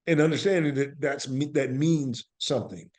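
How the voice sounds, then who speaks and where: Speaking at a normal speed, this actor and playwright has a medium-pitched, slightly mellow voice. He answers interview questions in a reflective, conversational manner, explaining earnestly and leaning on emphatic repetition.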